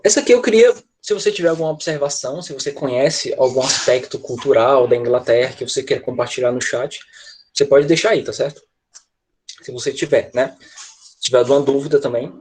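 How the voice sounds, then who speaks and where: A man's voice: mid-range voice, fairly quick, a little mellow. A Brazilian man teaching English in an online class, explaining step by step and checking in with his students often.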